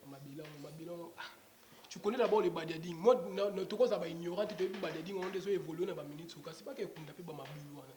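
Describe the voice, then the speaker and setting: This guest is a young rapper from the DR Congo, speaking fast in a fairly high voice during a relaxed interview. He rambles, using plenty of fillers and restarting often. Crowd noise and other clear background sound fill the echoey room.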